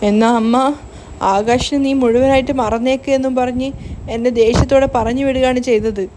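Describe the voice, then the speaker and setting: A woman's voice: fairly high pitch, steady tone, a little fast, mellow, slight background noise, close to an everyday voice. A woman reading the lines of a desperate, heartbroken young woman who keeps begging for help, in a serial recap. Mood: pleading. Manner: begging, pleading.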